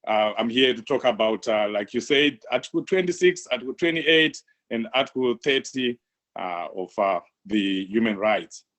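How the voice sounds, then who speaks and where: A middle-aged man from Zimbabwe, answering interview questions in a measured, halting way. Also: medium pitch, expressive, fairly bright tone. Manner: measured, halting, many pauses. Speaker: guest, human rights activist.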